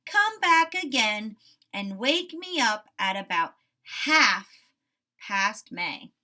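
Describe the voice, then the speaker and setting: A woman doing a grumpy, slow, sleepy storybook toad. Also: a little high, very animated, sharp tone, exaggerated voice. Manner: slow, drawn-out grumbling. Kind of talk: children's storybook read-aloud.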